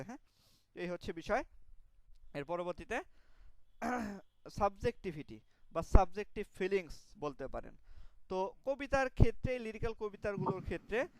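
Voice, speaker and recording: Young Bangladeshi male lecturer, clear high voice, dry close sound, patient explanatory delivery. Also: no room sound, low-quality recording. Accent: Bangladeshi Bengali. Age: young adult. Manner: explanatory, with frequent fillers and self-corrections. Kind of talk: online literature lecture.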